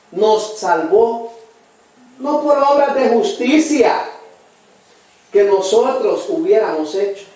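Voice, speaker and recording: A Salvadoran man preaching in a high, earnest voice, pressing each point home and calling his hearers brother. He sounds distant from the microphone, and his words ring through a strongly echoing church. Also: darkish tone. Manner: addresses listeners as brother constantly, earnest and emphatic. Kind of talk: sermon. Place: church hall. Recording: very echoey church, voice from far off the mic.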